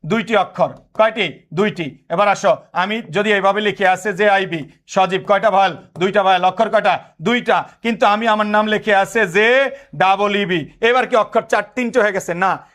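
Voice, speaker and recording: A young man teaching an admission test lesson, animated, quizzing students and answering his own questions. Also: sits high, moderate pace.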